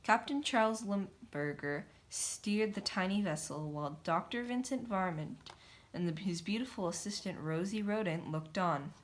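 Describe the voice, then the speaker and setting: A woman reads a children's picture book aloud with dramatic, theatrical, emphatic narration. Her voice is medium in pitch with lively intonation, and she keeps a moderate pace.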